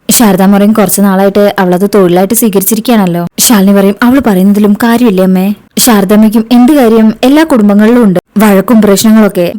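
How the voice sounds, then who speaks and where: A woman's voice: mid-range voice, dark tone. A woman, retelling a TV serial episode and voicing each character's lines in turn. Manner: narrates and acts out each character's lines in quotes. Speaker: serial recap narrator.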